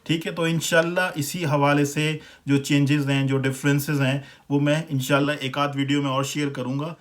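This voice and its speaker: A man from Pakistan with a Pakistani accent, giving a relaxed, conversational pronunciation lesson and repeating words slowly to compare them. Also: on the high side. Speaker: language teacher. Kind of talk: casual explanatory lesson.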